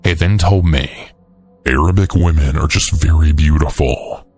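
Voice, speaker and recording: A man with a very low, deep voice narrates a horror story in a calm and measured way. He reads a first-person account at a steady, even pace. Soft music plays faintly underneath.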